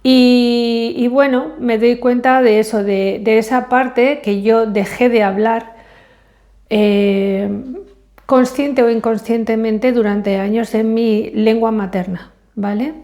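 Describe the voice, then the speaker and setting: A middle-aged vlogger who speaks English as her first language talks to the camera in a casual, personal monologue. Her voice is on the high side, mellow and fairly even, and she takes it slowly, hesitating often with fillers and self-corrections.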